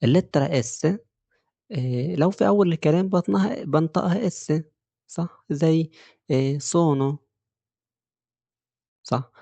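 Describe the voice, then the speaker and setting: A man with an Egyptian Arabic accent teaching Italian pronunciation, explaining rules step by step and repeating example words slowly. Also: a little high, creaky, dark tone, no room sound. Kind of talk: pronunciation lesson.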